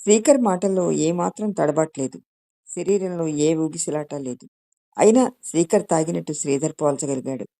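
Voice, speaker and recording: A woman calmly reading a written story aloud as narration. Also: low-pitched, normal speed, no echo, clean studio sound. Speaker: story reader. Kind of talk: scripted audiobook narration.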